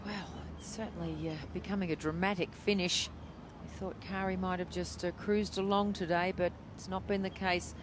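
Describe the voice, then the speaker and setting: A woman's voice: lowish voice, steady tone, normal speed. A woman giving live television golf commentary, reacting to play with descriptive analysis. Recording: noisy outdoor broadcast sound. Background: outdoor tournament ambience.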